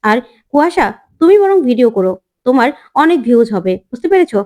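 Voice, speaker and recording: A man's voice: very high-pitched, big pitch swings, a little fast, darkish tone. A woman voicing a smug, scheming father who mocks his estranged wife, in a taunting, sarcastic manner, as she narrates a serial's episode.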